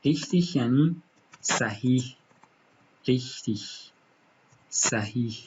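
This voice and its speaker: A man teaching German pronunciation, patiently repeating each example word slowly. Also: medium pitch, lo-fi sound, slight background noise. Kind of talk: pronunciation lesson.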